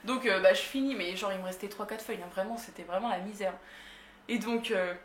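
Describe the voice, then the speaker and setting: A woman's voice: medium pitch, brisk, slight background noise. A young woman from France telling a story in a casual, slangy way, laughing often. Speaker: vlogger. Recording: roomy echo.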